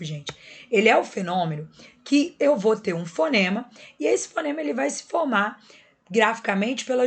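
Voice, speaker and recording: A woman teacher explains a lesson patiently and step by step, checking in often with her students. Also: on the high side. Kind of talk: recorded classroom lesson.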